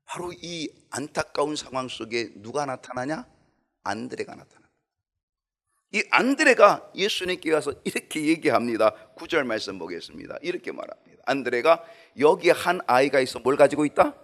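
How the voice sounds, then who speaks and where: A man preaching a Sunday sermon as pastor, with animated delivery that swings from loud to hushed. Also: medium pitch, moderate pace, gravelly. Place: church sanctuary.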